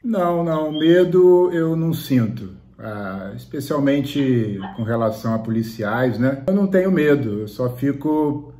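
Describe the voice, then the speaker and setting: A man in his forties giving a measured, reflective testimony in an interview, pausing with fillers. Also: mid-range voice, animated, warm tone. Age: 40s.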